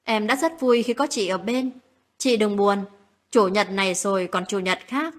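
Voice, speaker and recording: A woman voicing a tender, lovestruck young man who speaks softly and coaxingly, in a late-night audio story. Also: mid-range voice, moderate pace, lightly acted.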